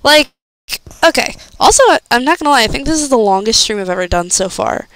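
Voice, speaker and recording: A woman's voice: a little high, lively intonation, quick pace, a bit bright, no echo, low-quality recording. A young woman streamer chatting casually and rambling as she thinks aloud while reacting to a video.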